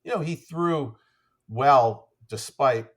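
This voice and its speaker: Guy coach rambling on a podcast, lots of you knows, mid pitch. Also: takes it slowly, fairly bright tone. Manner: rambling, heavy with fillers and restarts. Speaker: athletics coach, podcast guest. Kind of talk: casual conversational storytelling.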